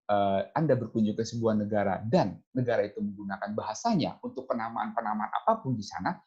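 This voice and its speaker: A man's voice: fairly low pitch, a little mellow. Male lecturer, explains point by point, frequent "ya", slightly muffled lo-fi recording. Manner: explains step by step, often adds "ya" and "nah". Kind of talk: slide-based lecture.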